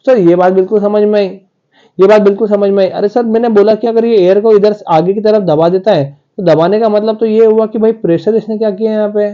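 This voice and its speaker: In lo-fi sound, a man with a high-pitched voice gives a physics lecture to his class. He speaks right to his students and often takes on their questions in his own voice.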